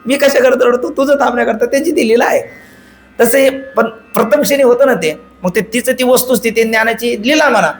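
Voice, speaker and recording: A man's voice: high voice, a little hiss or hum. A man giving a devotional Vedanta discourse, telling stories and chanting verses. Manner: animated storyteller, chants verses and acts out dialogue. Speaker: Vedanta preacher.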